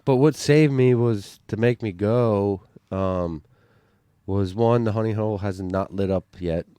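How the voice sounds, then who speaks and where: On a hunting podcast, a bowhunter tells a story in casual, rambling fashion, full of fillers and restarts. His voice is lowish, dark and smooth, unhurried, with no room sound.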